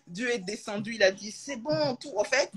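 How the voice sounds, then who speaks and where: A young adult woman chatting casually on a live stream from her room at home, animated and slangy, full of jokes and asides. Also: fairly high pitch, normal speed, rough recording. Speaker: social media creator on a live stream. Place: at home, in a room with a closed door.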